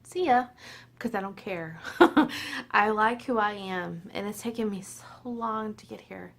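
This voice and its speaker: A woman's voice: medium pitch, a little slow, gravelly, a bit bright. A woman in her forties chatting casually and a little tipsy to her viewers at home, laughing often. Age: 40s. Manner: chatty, laughing, self-deprecating. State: slightly tipsy. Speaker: vlogger. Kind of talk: casual tipsy chat to camera.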